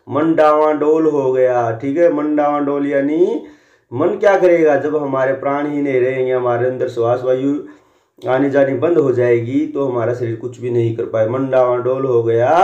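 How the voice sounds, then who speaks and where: A male teacher explaining a school lesson to children, repeating phrases slowly and dictating answers for them to write down. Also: mid-range voice, a little mellow. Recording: roomy, dull lo-fi recording.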